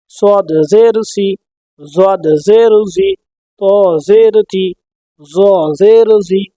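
A man teaching Quran reading in Bengali, drilling letter sounds slowly and patiently so listeners can repeat after him. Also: sits high, dark tone, no echo. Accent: Bangladeshi Bengali. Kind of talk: slow drilled recitation lesson.

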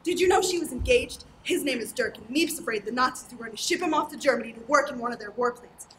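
A woman's voice: high voice, fast, recorded from a distance, natural voice. A young woman on a school stage playing a chatty, cheeky teenage girl who talks eagerly. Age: young adult. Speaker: stage actor. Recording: echoey stage hall, room noise.

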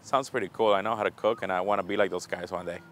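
A man's voice: deep voice, steady tone, quick pace, heavy background noise. A man in his thirties from the Dominican Republic, a chef and restaurant owner, talking candidly about his life with easy fillers. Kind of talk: casual self-introduction. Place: restaurant kitchen and gym.

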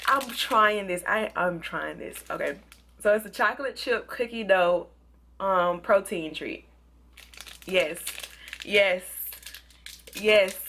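A young woman reviewing products in a casual, excitable vlog, sometimes talking with food in her mouth. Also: mid-range voice, slow, long pauses, slight background noise. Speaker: beauty and product vlogger.

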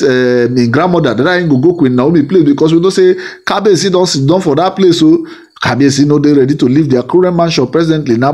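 A husky, darkish voice on the high side belongs to a middle-aged man with a Nigerian Pidgin accent and Igbo as his first language. As a gossip channel host, he rambles through celebrity news with plenty of fillers and repeated phrases.

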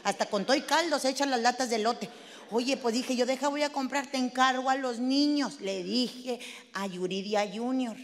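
Loud crude mexican lady comic, high pitched, echoey hall reverb, does voices of her mom and kids. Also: moderate pace. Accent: Mexican Spanish. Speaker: stand-up comedian in character. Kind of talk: stand-up comedy storytelling.

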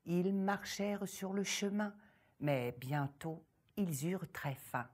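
Slow, expressive woman storyteller. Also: fairly low pitch, husky. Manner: expressive, deliberate narration. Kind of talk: folk tale storytelling.

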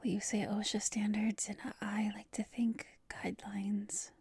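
A woman's voice: medium pitch, completely flat delivery, a little slow, gravelly, a little mellow, slightly rough, no echo, heavily acted. A woman voicing a tired, playful, affectionate girlfriend in a whispered role-play, talking intimately and a little hesitantly on a late-night call to her lover. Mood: tired, sheepish.

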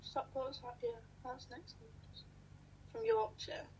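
A woman's voice: sits high, animated, a little slow, a little mellow, a little hiss or hum, poor audio. A young woman co-hosting a casual livestream from a small room, playful and teasing. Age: young adult. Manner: playful, teasing, laughs often. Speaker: livestream co-host. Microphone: webcam at desk.

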